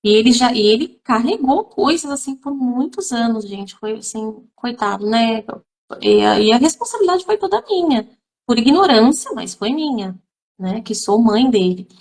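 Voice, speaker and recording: A woman's voice: fairly high pitch, expressive, moderate pace, darkish tone. A woman, a literacy teacher who is also a mother, talking emphatically to viewers in a live stream, full of fillers and direct appeals. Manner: emphatic, addresses audience directly, many fillers.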